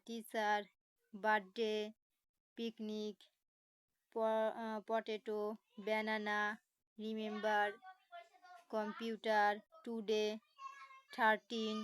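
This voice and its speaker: Slow, patient woman teacher spelling words. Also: a little high, smooth, no room sound, low-quality recording. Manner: spells words letter by letter, slow explanations with many fillers. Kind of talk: online lesson explaining a textbook.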